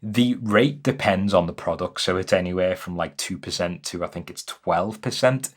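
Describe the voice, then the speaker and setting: A man's voice: deep voice, normal speed. A young man giving an upbeat, chatty explainer to camera from his home music studio. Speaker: music business educator. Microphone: camera-mounted mic.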